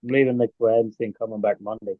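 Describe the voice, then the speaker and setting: A man's voice: on the low side, steady tone, fast, no echo. A man chatting casually on a video call from his phone, joking easily, his audio muffled and glitching.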